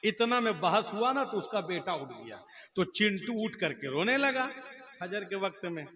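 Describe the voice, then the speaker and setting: A male preacher giving an animated, mocking sermon full of comic stories. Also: sits high, a little slow. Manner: animated, mocking, mimics characters.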